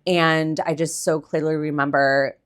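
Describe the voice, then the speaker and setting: Brief: woman in her young adult years, low-pitched voice, candid podcast guest, filler-heavy, blunt. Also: little pitch movement, unhurried, clear, resonant tone. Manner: chatty, heavy filler "like", blunt and swears casually. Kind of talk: candid conversational interview.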